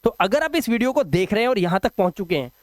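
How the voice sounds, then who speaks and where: A man teaching English phonics rules in a video lesson, patiently repeating example words slowly and quizzing the viewer. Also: sits high, animated, no echo, clean studio sound.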